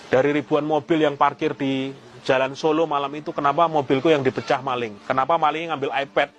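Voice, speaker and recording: A man, telling his own story of debt and repentance in an animated, storytelling way. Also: a little high, slight background noise. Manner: animated storytelling, slips into Javanese phrases. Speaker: speaker sharing his story of quitting usury. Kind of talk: personal testimony talk.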